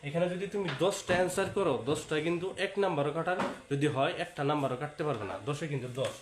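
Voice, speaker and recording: Guy teaching exam tips, kinda high voice, echoey room, faint hiss. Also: quick pace. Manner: repetitive, talks straight to students, sprinkles English words. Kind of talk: exam-prep lecture.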